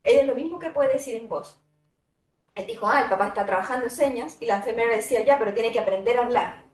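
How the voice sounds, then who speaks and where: A fairly high-pitched woman gives a university lecture, speaking in a thoughtful, conversational way full of little fillers and tag questions. She sits back from the microphone, and her voice rings around an echoey classroom. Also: fast, a little mellow. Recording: echoey room, voice from a distance.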